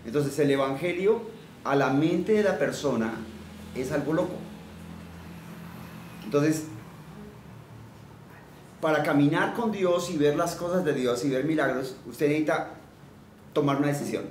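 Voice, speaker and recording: Male preacher, somewhat high voice, interactive teaching sermon with call-and-response, miked from a distance. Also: unhurried, long pauses, a little mellow. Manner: quizzes listeners and leads call-and-response repetition; reads scripture aloud, then explains it plainly. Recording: roomy echo, voice from a distance, faint background noise.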